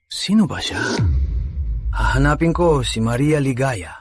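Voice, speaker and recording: A man's voice: medium pitch, expressive, a little slow, soft background music. A man playing a stern, commanding boss. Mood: demanding. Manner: commanding, curt. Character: stern, authoritative male boss. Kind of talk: dubbed drama acting.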